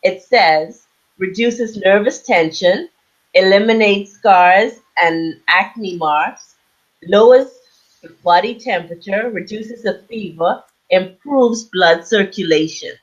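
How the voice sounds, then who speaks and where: A Bahamian woman speaks slowly at a medium pitch, walking through her work as an aromatherapy business owner and author. She is an interview guest on an online call, and the sound is dull and lo-fi.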